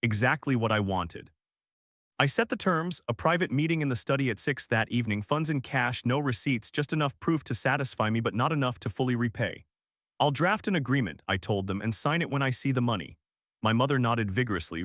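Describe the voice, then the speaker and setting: A man's voice: medium pitch, a bit bright, no echo. Man narrating a story, dry sound. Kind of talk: scripted first-person story narration.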